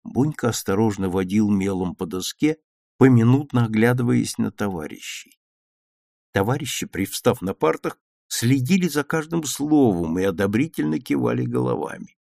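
Gravelly, expressive storybook narrator, male. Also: medium pitch, normal speed, no room sound, clean studio sound. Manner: expressive, lively reading. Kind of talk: storybook reading.

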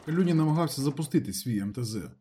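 A man narrating a literary audiobook in a lively, expressive reading. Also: medium pitch, very fast, a little hiss or hum.

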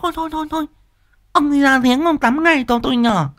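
Shrill nagging village wife. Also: male voice, fast talker, fairly bright tone. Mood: scolding. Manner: scolding, bossy.

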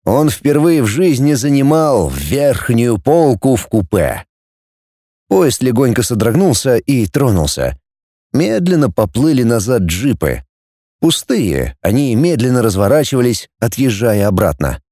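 Mellow, expressive male audiobook narrator. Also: mid-range voice, unhurried, dry recording, studio quality. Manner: expressive, lively storytelling. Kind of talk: scripted narration.

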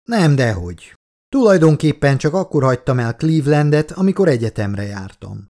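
A man's voice: on the high side, sing-song, dark tone, voice pushed up. A man reading as a wry male archaeologist. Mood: relaxed. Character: friendly middle-aged male archaeologist scholar.

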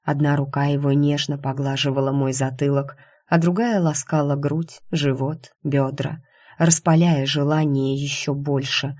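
A woman's voice: sits low, flat delivery, unhurried, darkish tone. Female audiobook narrator, first-person romance, close and confiding.

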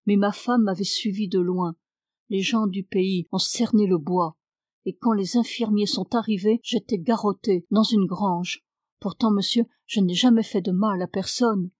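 A woman's voice: medium pitch, darkish tone, no room sound, clean studio sound, lightly acted. A woman reading a pleading peasant man.

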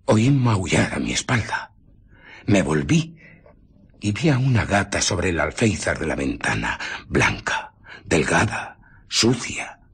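An actor with an accent from Spain playing an obsessive, irritable, secretive scientist in a radio drama, telling his story theatrically in a husky, breathy voice. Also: low voice, big pitch swings, a little slow, fairly bright tone, exaggerated voice. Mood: brooding, absorbed. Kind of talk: Spanish radio drama acting.

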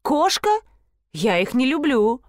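Woman reading as a crude, squabbling rich blonde, loud slangy outbursts, high shrill voice, dry close sound. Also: sing-song, slow, no echo, full character voice. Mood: shrill, startled.

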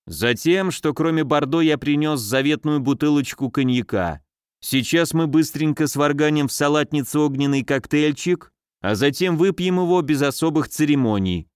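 A man's voice: on the high side, normal speed, clear, resonant tone, dry recording, studio quality, lightly acted. A man doing a sly teasing footman. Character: sly, mocking male footman, prankster.

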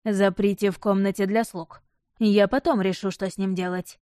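A woman's voice: medium pitch, fairly even intonation, moderate pace, warm tone, clean tone, no room sound, clean studio sound, natural voice. A woman reading an audiobook voices a stern, suspicious nobleman who questions his servants in terse, commanding lines.

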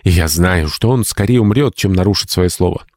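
A man's voice: sits low, brisk, darkish tone, dry recording, studio quality, natural voice. A male audiobook reader voicing a frightened young noblewoman who gasps, pleads and then turns defiant. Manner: gasping, pleading, later defiant. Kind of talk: audiobook character reading.

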